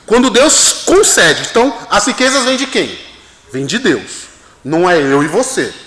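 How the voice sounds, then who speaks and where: A man preaching a sermon as pastor, often checking in with the congregation. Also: sits high. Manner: animated preaching with frequent "amém?" and "tá?". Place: church hall. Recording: echoey church hall, long reverb.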